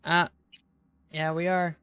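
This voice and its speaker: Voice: mid-range voice, level tone, takes it slowly, heavy background noise. A streamer chatting playfully and casually with viewers during a live game stream. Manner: playful, chatty, talks to chat. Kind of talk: casual livestream chat.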